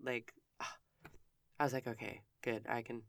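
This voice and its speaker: A woman's voice: extremely low pitch, little pitch movement, normal speed, dry recording, studio quality. A woman telling a personal story in a frank, conversational way, often stopping and restarting her sentences. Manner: candid, frank with casual swearing; self-interrupting with frequent restarts.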